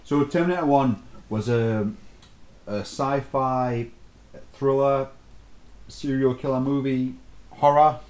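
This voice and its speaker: A man's voice: medium pitch, takes it slowly, pauses often, darkish tone. A man, tipsy on beer, chatting casually and crudely as co-host of a film review, informal and often seeking agreement.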